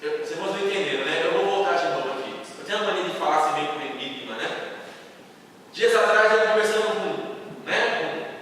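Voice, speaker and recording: A man's voice: sits high, a little fast, fairly bright tone, slight background noise. A Brazilian man from São Paulo preaching a sermon as pastor, with emphatic delivery and many rhetorical questions to the congregation. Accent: Brazilian Portuguese, São Paulo. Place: church sanctuary. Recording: echoey hall, distant mic.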